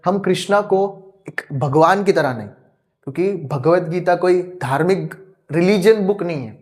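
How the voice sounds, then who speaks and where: A man's voice: high-pitched, a little slow. A young man giving an earnest spoken lecture, asking rhetorical questions over and over and mixing in English words. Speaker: youtube teacher.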